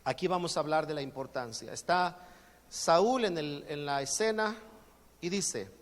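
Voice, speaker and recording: Man, Mexican accent, pastor, sermon, high-pitched, echoing hall. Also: expressive, measured pace. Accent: Mexican Spanish. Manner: jokey, acts out everyday exchanges. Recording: long hall reverb.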